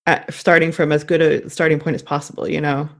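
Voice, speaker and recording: A woman's voice: low voice, flat delivery, fast talker. A woman co-hosting a podcast, speaking reflectively in a casual chat and often adding "you know". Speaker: podcast co-host.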